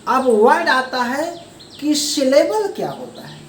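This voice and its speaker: A woman teaching an English grammar lesson, explaining slowly step by step and calling the viewers friends. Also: sits high, huge pitch swings, slight background noise. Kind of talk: classroom-style grammar lesson. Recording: echoey room, voice from a distance, faint ambience.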